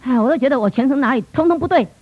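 A middle-aged woman with a Taiwanese Mandarin accent tells a church testimony at a brisk, tumbling pace, in a voice pitched somewhat high. She brings the story to life by acting out what her relatives and children said. The recording is muffled and lo-fi. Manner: lively storytelling, acting out family dialogue. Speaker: church speaker giving testimony.

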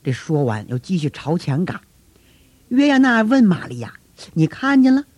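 A man telling a story in a colloquial, animated storytelling style with folksy asides. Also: a little high, moderate pace, husky, dry recording. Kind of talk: traditional storytelling.

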